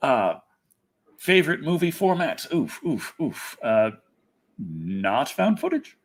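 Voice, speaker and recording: Speaking slowly in a fairly high voice with big swings in pitch, a livestream host answers viewers in loose, unscripted chat. This internet personality tends to ramble and circle back to the same phrases again and again.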